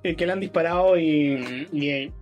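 Chilean male co-host, high voice, crude rambling talk, faint music. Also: normal speed, darkish tone. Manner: crude, rambling, swears often. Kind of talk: casual podcast chat.

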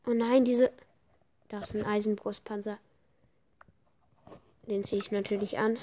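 A woman chatting casually while playing a game for her podcast, excitable and chatty, with frequent slang exclamations. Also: medium pitch, measured pace. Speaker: gaming podcaster. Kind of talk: casual gameplay commentary.

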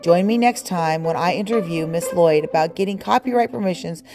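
A woman hosting a podcast, reading a children's book aloud in a calm, clear, steady way. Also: fairly low pitch, a little fast, over music. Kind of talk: storybook read-aloud narration.

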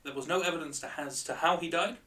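A man hosting a show as a bright, curious, joking presenter, telling stories in a light-hearted, conversational way. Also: on the high side, quick pace, distant mic. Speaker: podcast and radio show host.

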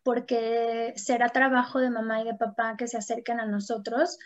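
Female psychologist, high voice, talkative, lo-fi sound. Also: flat delivery, moderate pace. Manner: talkative, acts out quoted voices, frequent "¿no?". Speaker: psychologist guest. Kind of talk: conversational explanation with anecdotes. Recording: dull lo-fi sound.

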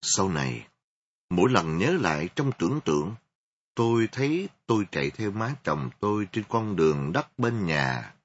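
A man reading a first-person story aloud with feeling and sometimes stopping to read a line again. His voice is low and husky, and his pitch moves a lot. The recording is dull and lo-fi. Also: big pitch swings, normal speed. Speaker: audiobook reader.

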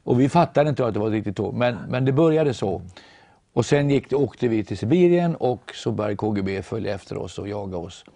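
Gravelly Norwegian man telling a story. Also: lowish voice, no room sound. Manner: animated storytelling, voices others in quotes. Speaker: guest storyteller.

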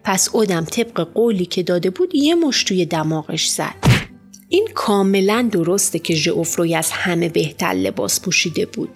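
Low-voiced woman reading a storybook. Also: husky. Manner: lively, expressive storytelling. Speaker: audiobook narrator. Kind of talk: storybook narration as a boy narrator. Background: faint music.

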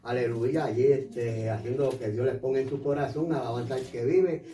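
Brief: male church radio host, mellow tone, peppers every line with hallelujahs, echoey room, distant mic. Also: medium pitch, fairly even intonation. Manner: fills pauses with hallelujahs. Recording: roomy sound, distant mic.

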